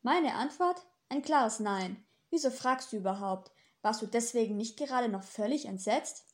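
Woman doing a polite male angel, earnest, friendly, prim, high bright storybook voice. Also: lively intonation, normal speed, natural voice. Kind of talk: audiobook character reading.

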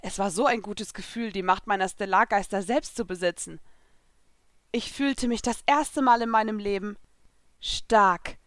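A woman reading first-person fan fiction aloud in a lively, expressive storytelling manner. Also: medium pitch, moderate pace, no room sound, studio quality. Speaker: reader.

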